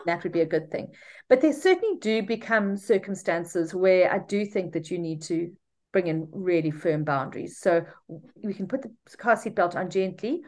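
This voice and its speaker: Animated low-voiced woman podcaster. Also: moderate pace. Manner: animated, reflective, repeats words. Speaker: podcast co-host; mother of three. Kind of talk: casual podcast conversation.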